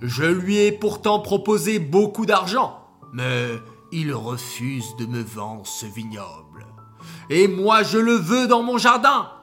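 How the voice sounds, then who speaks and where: Angry king, gritted teeth, loud, slow, lively pitch, storybook narrator doing the voice. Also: faint music behind, full character voice.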